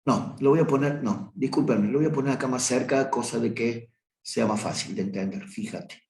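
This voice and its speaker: A man's voice: mid-range voice, brisk, vocal fry, a little mellow. A man teaching a review class on limits, talking through a graph and stopping often to correct himself. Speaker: math teacher. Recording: roomy echo.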